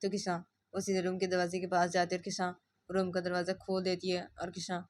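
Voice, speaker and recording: A woman's voice: fairly low pitch, completely flat delivery, quick pace. Woman retelling a romance story. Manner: plain, run-on retelling.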